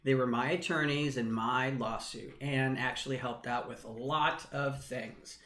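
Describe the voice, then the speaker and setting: A man's voice: mid-range voice, steady tone, unhurried, a bit bright, echoey room. A man co-hosting a casual talk show, easygoing and chatty, with a habit of repeating the same stock phrase. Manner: easygoing, repeats "that's for sure". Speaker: co-host. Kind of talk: casual chat.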